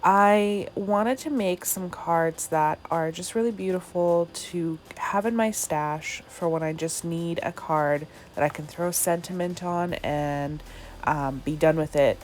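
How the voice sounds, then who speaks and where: A woman's voice: fairly low pitch, slow pace, slight background noise. Congested woman narrating a craft tutorial. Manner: relaxed, chatty, with fillers. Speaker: craft channel host.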